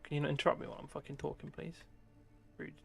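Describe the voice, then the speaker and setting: A man streams a game with casual, sardonic, sweary commentary. His mid-pitched voice is full of creak, with faint music behind it. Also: little pitch movement, very fast. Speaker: live streamer.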